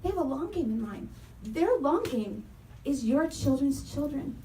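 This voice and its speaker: A woman in her thirties, pitched a little high, makes an earnest, impassioned public comment as a parent and educator at a community forum. She leans on repeated phrases for emphasis. The recording is roomy and echoey, picked up from a distance with a faint hiss of background noise. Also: sing-song, measured pace, warm tone. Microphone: handheld microphone, held from some distance.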